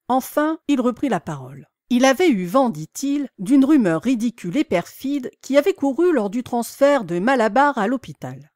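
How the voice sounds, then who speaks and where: A woman narrating a classic novel as an audiobook in a measured, dramatic storytelling manner. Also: a little high, a little mellow, no echo, studio quality. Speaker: audiobook reader.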